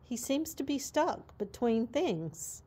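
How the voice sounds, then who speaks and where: A woman with a fairly high voice coos baby talk to her horse, now and then sinking to a hushed whisper. She speaks slowly and gently while filming on a handheld phone in a barn aisle. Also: very animated, breathy edge. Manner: cooing baby talk, drifting to soft whispers. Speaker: horse owner. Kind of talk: casual vlog talking to her horse. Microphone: handheld phone camera.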